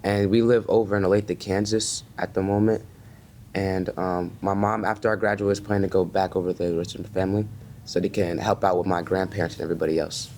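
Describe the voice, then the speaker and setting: A young man from Kenya who plays basketball, answering questions in a soft-spoken, plain way. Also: sits low, level tone, fairly quick, a little hiss or hum. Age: young adult. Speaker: student basketball player. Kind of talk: casual interview.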